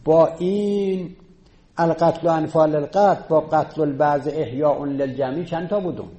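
A man teaching Arabic rhetoric gives a classroom lecture, explaining step by step, counting items aloud and taking student questions. His voice is a little high and mellow.

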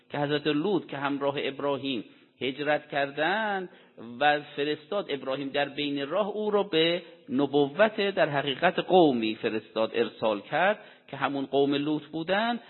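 In a medium-pitched voice, a religious lecturer works through Quran commentary, answering his own rhetorical questions and quoting Arabic in a deliberate, explanatory way. Tinny, phone-like audio carries long hall reverb.

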